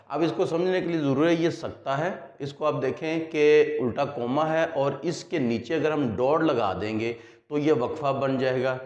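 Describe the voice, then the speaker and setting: A male teacher giving a lesson, explaining step by step and repeating examples to make each point clear. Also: medium pitch, darkish tone, highs cut off. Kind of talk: classroom lecture. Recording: echoey room.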